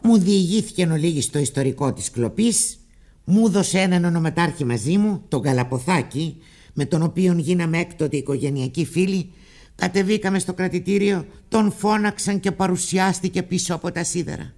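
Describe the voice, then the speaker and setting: High-voiced man reading an emotional story. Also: darkish tone. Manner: emotional first-person storytelling. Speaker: narrator. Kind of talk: literary audiobook reading.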